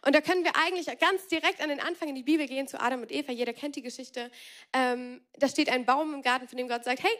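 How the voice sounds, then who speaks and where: A young adult woman gives a casual youth sermon, talking in a colloquial, energetic way with frequent restarts. Her voice sits fairly high for a woman. She shifts easily between plain reading and lively asides. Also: fast talker. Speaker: preacher.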